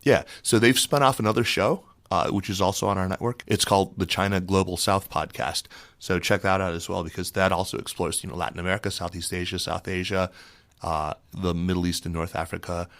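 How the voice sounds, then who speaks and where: A man appearing as a guest on a podcast, talking casually with halting restarts as he plugs other shows. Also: deep voice, steady tone, a bit bright, dry recording. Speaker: podcast guest from another show. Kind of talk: casual chat.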